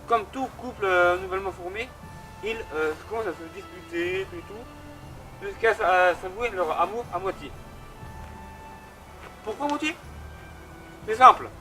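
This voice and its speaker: A man's voice: sits high, animated, a little slow, long pauses, sharp tone, low-quality recording. A young man hosting a casual literature explainer, joking at his own remarks and hesitating often. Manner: jokey, self-mocking asides and many hesitations. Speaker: host. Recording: clear background music under voice.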